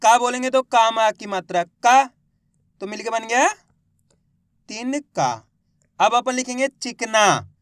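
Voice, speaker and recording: A man's voice: very high voice, animated, slow pace, pauses often, fairly bright tone, clear, resonant tone, no echo, clean studio sound. A man teaching reading, drawing out each syllable and quizzing viewers as a teacher. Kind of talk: slow spelling lesson, sounding out syllables.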